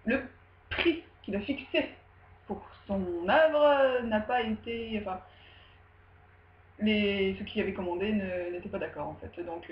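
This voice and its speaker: Woman storyteller, informal and slangy, roomy dull recording, faint background hum. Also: medium pitch. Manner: informal and slangy, laughs often. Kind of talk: casual oral storytelling.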